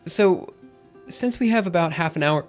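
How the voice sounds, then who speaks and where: Over keyboard clicks and faint background music, a man streaming live code narrates his work at a moderate pace with lively intonation. His slightly high voice has gone a little raspy after a drink, and he stays chatty and upbeat, thinking aloud as he types.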